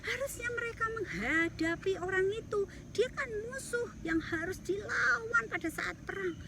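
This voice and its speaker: A woman voicing a brave but puzzled young shepherd boy who asks hushed, wondering questions in a bedtime story. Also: very high voice, moderate pace, creaky, very noisy, pitched above the performer's own voice. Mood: indignant.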